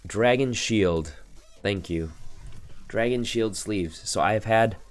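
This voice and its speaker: On a home stream from his desk room, a stuffy-nosed American man in his thirties reviews card game accessories casually and rambles, using lots of fillers and correcting himself. His voice is on the low side and slow, with faint music in the background.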